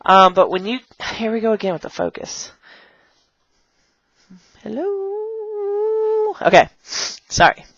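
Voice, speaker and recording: A woman's voice: medium pitch, normal speed, fairly bright tone, no room sound. A young woman who teaches English online chats in a bubbly, rambling way, recorded on a dull camera mic at home. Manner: bubbly and rambling, jumps into playful kid voices. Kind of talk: casual vlog chat showing props. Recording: dull, dry camera audio.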